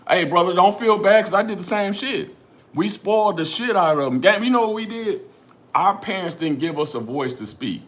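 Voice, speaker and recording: A middle-aged man hosting a casual livestream, talking animatedly and profanely, reading viewers' comments aloud and repeating phrases like "you know what I'm saying.". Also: high voice. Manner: animated, profane, rhetorical, keeps addressing chat viewers by name. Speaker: livestream host reading chat.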